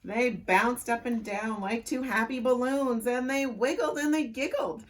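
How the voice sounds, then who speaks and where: A woman's voice: a little high, measured pace. A woman librarian leading a children's story time, cheerfully reading aloud and guiding movement games. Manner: cheerful, animated, sing-song with children.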